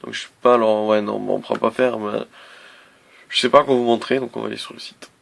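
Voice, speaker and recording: Man, gravelly voice, casual gadget review, halting, lots of fillers. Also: on the low side, little pitch movement. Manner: hesitant, many fillers and restarts. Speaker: tech reviewer.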